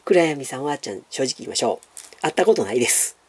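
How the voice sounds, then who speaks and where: A man's voice: medium pitch, sing-song, quick pace, slightly rough, no room sound. A man with a Kansai accent chatting casually as a YouTuber, answering viewer questions in a rambling way full of fillers and referring to himself by his nickname. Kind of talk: casual Q&A monologue.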